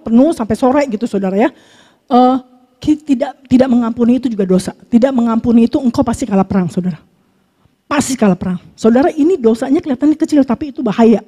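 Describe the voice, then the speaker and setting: A woman's voice: fairly high pitch, mellow. A woman pastor giving a conversational sermon, reading scripture and telling everyday stories while often addressing her listeners directly. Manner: casual preaching, keeps addressing listeners as brothers and sisters.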